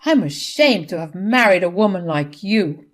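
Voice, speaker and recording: A woman's voice: on the low side, animated, moderate pace, lightly acted. Lady playing a firm angry husband, scolding hard. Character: stern, angry middle-aged husband.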